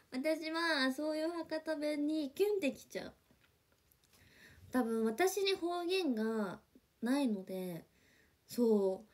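A young woman chatting on a livestream in a fairly high, mellow voice with a husky softness. She gushes and rambles with lots of fillers and now and then drops into a whisper. She sounds relaxed, as if she is reading comments to fans. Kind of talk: casual livestream chat. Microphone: phone or webcam for a livestream.

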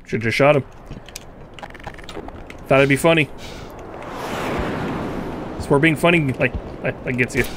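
A man's voice: medium pitch, a little slow, long pauses, background noise. A man streaming a game live, giving casual, rambling commentary full of "like" fillers and frustrated swearing. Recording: game sounds clearly audible under the voice.

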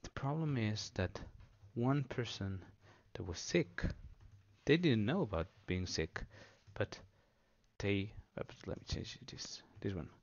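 A man gives a simple, unscripted explanation for children in a fairly low voice with plenty of fry. He goes slowly, in halting short phrases. The sound is somewhat dull and lo-fi. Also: sing-song. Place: indoors at a table.

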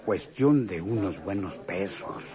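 With a crowd audible behind him, a Mexican man with a deep voice performs a chummy, sly, hardened convict for a radio drama. He's sly and confiding, speaking slowly with lively intonation in a slangy, hesitant drawl punctuated by knowing chuckles.

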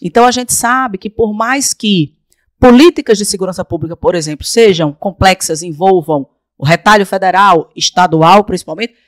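Speaking emphatically and at normal speed, a woman in her forties from Paraíba, Brazil, repeats phrases for effect as a guest on a podcast; she is running for council. Her voice goes into a desk mic on a boom arm in a small, blue-lit podcast studio, and the sound is dry.

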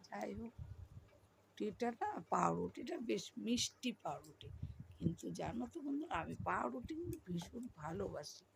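Hoarse, gravelly Bengali woman vlogger. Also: on the low side, noisy background. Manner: chatty, addresses viewers as friends. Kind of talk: casual voice-over of household chores.

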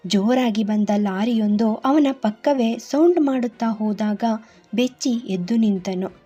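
A woman storyteller giving a gentle, even scripted narration of a love story. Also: on the high side, unhurried, slightly rough, muffled recording, faint music behind.

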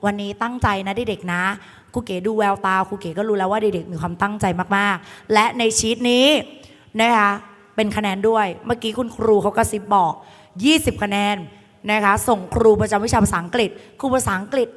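A woman tutor with a cold and a hoarse voice, teaching a playful exam-prep lecture to a hall of students. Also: medium pitch, fairly even intonation, brisk. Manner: playful, teasing, calls the students "kids". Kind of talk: lively classroom lecture. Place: large hall full of students. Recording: echoey hall.

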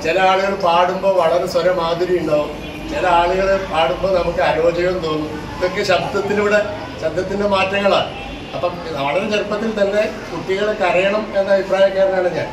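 A man's voice: high-pitched, fairly even intonation, normal speed, recorded from a distance. A man with a Kerala Malayalam accent gives a conversational, explanatory public speech at a school function. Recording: roomy hall with noise, from afar.

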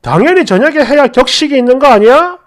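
A woman voicing a rude, sarcastic boyfriend in his thirties, scolding in a lowered voice. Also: animated, quick pace. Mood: sneering.

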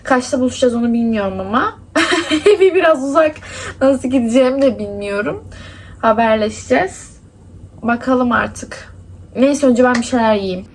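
A woman's voice: on the high side, expressive, normal speed, slight background noise. A young woman from Adana chatting casually in a daily vlog, complaining and laughing as she goes. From Adana, Turkey. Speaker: vlogger. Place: indoors at home, then outdoors in hot streets.

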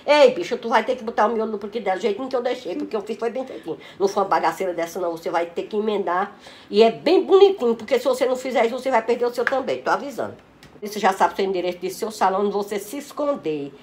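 A woman with a Northeastern Brazilian accent rattles off furious, crude scolding at a breakneck pace. Her outbursts jump from shouts to muttered insults in this home comedy sketch. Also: medium pitch, expressive, racing. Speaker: comic mother character.

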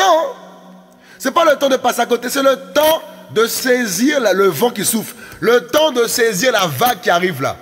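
A man's voice: high-pitched, fairly bright tone, big-room sound. A man preaching a fiery sermon, exhorting and repeating words as he urges his listeners on.

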